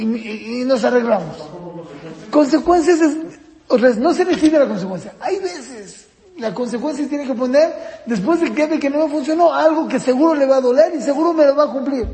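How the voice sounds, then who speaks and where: A man's voice: very high-pitched, dark tone. A man teaching a parenting course, acting out little scenes between parents and children as he explains. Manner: acts out parent-child exchanges while explaining. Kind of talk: lecture to parents. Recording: reverberant room with long echo.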